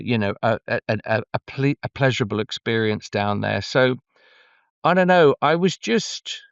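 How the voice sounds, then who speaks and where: A man with a medium-pitched voice talks conversationally as an oral storyteller and interview guest, stretching words for emphasis and shifting gear as he goes. The audio has no room sound and its highs are cut off.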